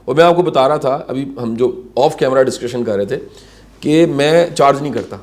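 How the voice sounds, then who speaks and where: A man hosting a conversational interview, asking long, animated rhetorical questions. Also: medium pitch. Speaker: talk show host.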